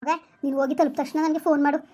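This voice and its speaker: A woman's voice: high-pitched, level tone, racing, warm tone, close to an everyday voice. A woman playing a middle-aged village housemaid with a drawl, in a family drama skit. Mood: confiding.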